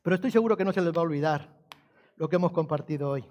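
A man's voice: a little high, rapid-fire, a little mellow. A man preaching a sermon as pastor, telling a humorous story and asking the congregation rhetorical questions.

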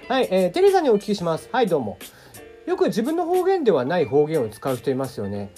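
A man speaks at a quick pace with faint music behind him as he hosts a casual, one-man web radio talk. He reads listener questions in a meandering way, full of fillers and animated pitch swings, his standard speech carrying a light mixed regional lilt.

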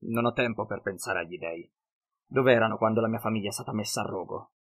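A man's voice: fairly low pitch, fast, natural voice. Man playing an earnest young knight. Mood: earnest, wary.

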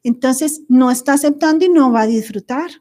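High-voiced woman teaching. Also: moderate pace, dark tone. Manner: conversational, tags sentences with a questioning aside. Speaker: workshop facilitator. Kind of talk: talk to a group on handling emotions.

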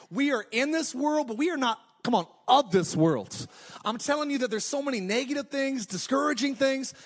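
A man in his thirties preaching a sermon, building energy through repeated declarations and quick humorous asides. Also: sits high. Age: 30s. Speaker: pastor.

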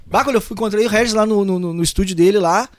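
A young man with a southern Brazilian gaúcho accent, chatting quickly and animatedly as a guest on a podcast. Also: high-pitched, no echo, clean studio sound. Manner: quick and animated, full of fillers like bah and né. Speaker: guest musician. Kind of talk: casual podcast chat.

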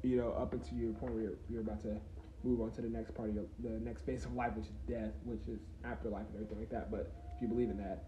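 On a roomy, slightly dull recording with a little hiss or hum, a twenty-something man hosts his own casual podcast, musing in a rambling way with many fillers and restarts. He's a fast talker with a fairly low, mellow voice and little pitch movement.

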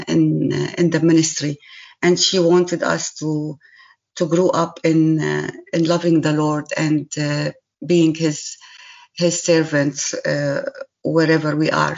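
A woman around sixty, telling her life story as a podcast guest in a halting way with many pauses. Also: sits low, muffled recording. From Syria, raised in Jordan. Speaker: guest, charity partner. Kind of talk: personal story in a podcast interview.

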